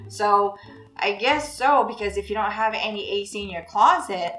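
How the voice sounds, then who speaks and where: A woman, giving animated, casual reaction commentary with exclamations. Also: mid-range voice, moderate pace. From Philippines. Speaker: reaction video host. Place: small room indoors at a desk. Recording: roomy echo, faint music behind.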